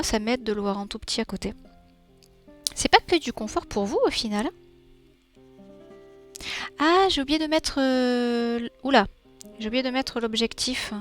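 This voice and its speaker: Woman streaming her drawing, kinda high voice, chatty, little music playing behind. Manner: chatty, thinks aloud, reads the chat, playful sound effects. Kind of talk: casual livestream chat while drawing.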